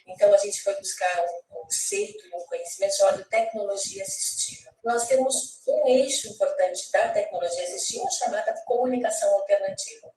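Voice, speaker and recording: A woman's voice: mid-range voice, expressive, a little fast, hardly any pauses, dark tone, recorded from a distance. A woman with a Brazilian accent giving a prepared presentation as a physiotherapist. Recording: echoey, off-mic, music behind. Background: music.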